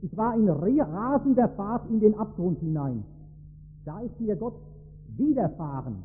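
A man's voice: sits high, big pitch swings, unhurried, a little hiss or hum. A man preaching a sermon, telling stories with emphasis and rising to stress key words. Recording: tinny phone-like sound in a reverberant hall.

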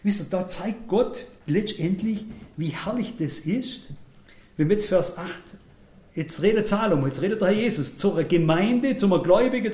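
Blunt, self-mocking male preacher, high voice, roomy hall sound. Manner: blunt, self-mocking, shifts between loud emphatic lines and quiet asides. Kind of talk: sermon.

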